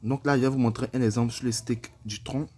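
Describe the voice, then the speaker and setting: A man's voice: medium pitch, fairly even intonation, fast, mellow, a little hiss or hum. A man casually walking through an app tutorial step by step, hesitant and repeating himself with frequent fillers. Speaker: crypto tutorial presenter.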